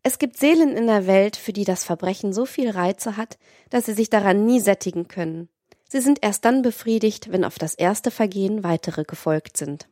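A woman narrating a classic novel as an audiobook in a measured, literary manner. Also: medium pitch, dark tone, dry recording, clean studio sound.

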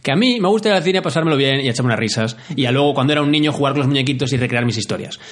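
A man's voice: medium pitch, very fast. A man, co-hosting a podcast in casual chat and telling anecdotes with enthusiasm. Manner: enthusiastic storyteller, animated asides. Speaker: podcast co-host.

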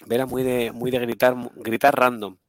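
Guy chatting on a podcast, lively storyteller, dry close sound. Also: medium pitch, moderate pace, no echo. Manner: animated storyteller who acts out his kids. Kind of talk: casual chat.

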